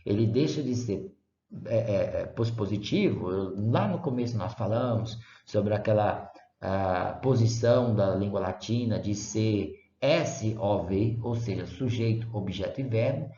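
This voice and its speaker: A man with a Brazilian Portuguese accent teaching a recorded lecture, explaining patiently, often pausing on fillers and checking with "right?". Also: lowish voice, warm tone. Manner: hesitant, many filler "é" and "ah"; explanatory, checks understanding with "certo?" and "né?". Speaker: Latin teacher. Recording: roomy, slightly dull lecture recording.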